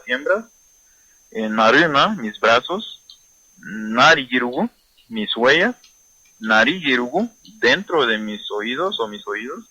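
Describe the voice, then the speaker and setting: A man teaching a vocabulary lesson, saying each word slowly and repeating it for pronunciation drill. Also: mid-range voice, pushed and bright, slightly rough, dry recording, rough recording. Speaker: language teacher.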